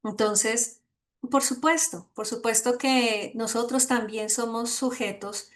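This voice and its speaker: A woman giving an online lecture as a course instructor, earnest and gently emphatic, often checking in with her listeners. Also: fairly high pitch, takes it slowly.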